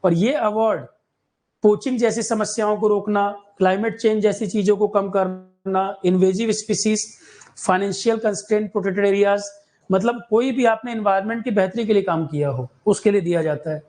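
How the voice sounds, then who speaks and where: A man from India teaching exam-prep current affairs, with a fairly high voice. He drills each fact by repeating it several times and stops to ask his students whether it is clear. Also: steady tone, brisk, darkish tone, rough recording. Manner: repetitive, drills key facts, asks "clear?".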